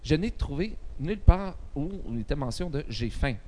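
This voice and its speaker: A man's voice: on the high side, expressive, normal speed, darkish tone, slight background noise. A man co-hosting a radio show, chatting casually with frequent hesitations and laughs. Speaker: radio co-host.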